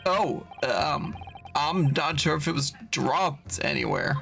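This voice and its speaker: A man streaming a game, reading its courtroom dialogue aloud in a measured, earnest way. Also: a little high, lively intonation, vocal fry, pushed and bright, soft background music.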